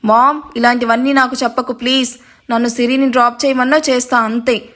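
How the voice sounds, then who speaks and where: A gruff, impatient young man snaps and teases in a spoken love story, with a woman reading him. The voice sits a little high and keeps a mocking, clipped edge. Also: flat delivery, brisk, fairly bright tone, lightly acted. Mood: irritated. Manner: curt and mocking. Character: brash, teasing young man driving.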